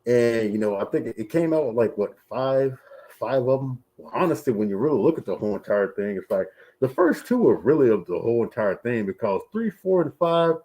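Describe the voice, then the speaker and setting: A man's voice: mid-range voice, very animated, a little fast, dark tone, low-quality recording. A man streaming a casual movie review, talking through a face mask that muffles his voice, rambling with many fillers. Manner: rambling, heavy use of fillers like "you know" and "right here".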